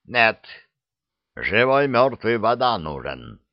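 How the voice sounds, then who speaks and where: A man voicing an excitable young mountain groom with a Caucasian accent and broken grammar. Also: lowish voice, takes it slowly, vocal fry, no room sound, dull audio, full character voice. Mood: boastful. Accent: Caucasian-style broken Russian.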